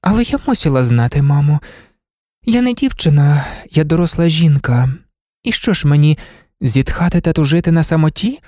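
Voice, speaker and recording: A woman voicing a proud, self-assured young daughter who talks things through coolly and calmly. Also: low voice, moderate pace, no room sound, studio quality, voice pushed up. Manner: cool, composed, reasoning calmly.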